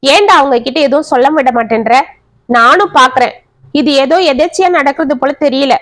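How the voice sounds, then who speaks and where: A woman's voice: sits high, fairly quick, fairly bright tone. A woman voicing a blunt male friend who speaks harshly and with suspicion. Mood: suspicious. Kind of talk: storybook narration.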